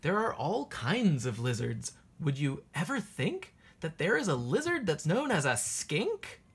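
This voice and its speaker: A female teacher reads a picture book aloud to young children in an expressive, unhurried, sing-song manner with strongly animated intonation. Her voice is deep, breathy, and husky.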